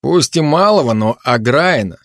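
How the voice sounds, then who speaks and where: A man's voice: medium pitch, animated, moderate pace, no room sound, voice pushed up, lightly acted. A man voicing a wry, grumbling male constable who bickers sarcastically with a cat in an audiobook. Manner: dry, sardonic, chatty banter with a cat.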